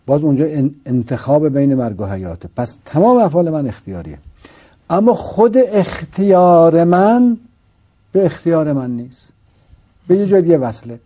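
Dark husky man teaching philosophy. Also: mid-range voice, lively intonation. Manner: argues with rhetorical questions and repetition. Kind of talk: didactic philosophical explanation.

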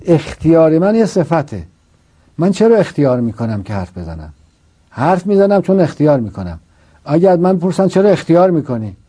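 A man lecturing on philosophy in a very dark, husky voice. His pitch moves a great deal as he poses rhetorical questions and answers them himself. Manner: argues with rhetorical questions and repetition. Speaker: religious philosophy teacher. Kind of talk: didactic philosophical explanation.

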